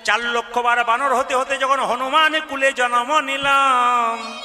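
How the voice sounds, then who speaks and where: A man's voice: extremely high pitch, steady tone, slow pace, bright, forceful tone, big-room sound, soft background music. A man telling a devotional story as a kirtan singer, speaking straight to the women listening and acting out the figures' voices. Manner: addresses the women in the audience, asks them to answer aloud.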